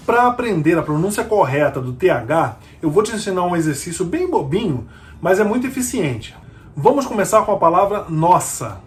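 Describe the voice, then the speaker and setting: Guy teaching english, kinda high voice, repeats stuff slow and asks "got it?", soft music behind. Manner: patient, repeats key words slowly, asks checking questions. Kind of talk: explanatory language lesson.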